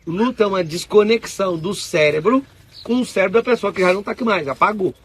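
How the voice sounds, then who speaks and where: A man with a Brazilian Portuguese accent giving a casual spiritual talk to an audience, telling stories in animated, slangy speech. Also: high voice, quick pace, husky. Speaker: spiritual speaker.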